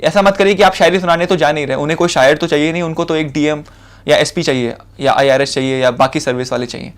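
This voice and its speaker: A man's voice: on the high side, fairly even intonation, fast. A young man with an Indian accent, giving a spoken lecture of interview advice in a casual, conversational way, with fillers and repeated short points. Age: young adult. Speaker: civil services officer giving interview advice.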